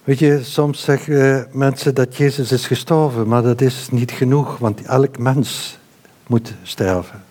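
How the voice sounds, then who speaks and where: Male preacher, sermon, earnest, halting with fillers, unhurried delivery. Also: medium pitch, steady tone, darkish tone. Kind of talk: sermon with prayer.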